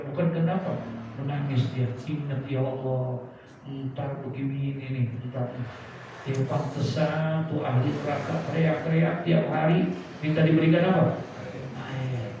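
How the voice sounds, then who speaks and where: A man's voice: mid-range voice, creaky. A man preaching a kitab study sermon, telling stories and throwing rhetorical questions to his listeners. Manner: storytelling, asks the crowd rhetorical questions. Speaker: Islamic preacher. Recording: echoey, distant, dull, noisy hall.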